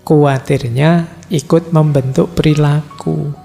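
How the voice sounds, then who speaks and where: A man's voice: a little high, steady tone, slow, vocal fry, mellow, big-room sound, soft background music. A middle-aged man, giving a conversational philosophy lecture to students with teasing everyday examples. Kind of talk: study-circle lecture to students.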